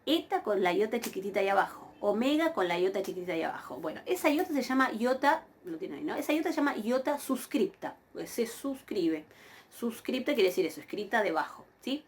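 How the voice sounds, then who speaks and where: A woman giving a recorded university lesson on Greek pronunciation. She repeats each word slowly and keeps checking with her students. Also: mid-range voice, sing-song, slight background noise. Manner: patient, repeats words slowly with frequent "¿sí?" checks. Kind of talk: recorded lecture.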